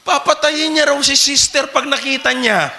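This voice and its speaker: A male pastor with a Filipino accent preaching an animated sermon, mixing Filipino and English and rising to shouts. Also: very high voice, moderate pace, slight background noise.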